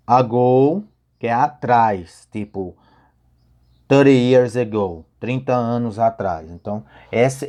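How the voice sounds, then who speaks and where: A man's voice: medium pitch, darkish tone. A man with a Brazilian Portuguese accent, an English teacher patiently explaining grammar rules to his students and checking in with them often.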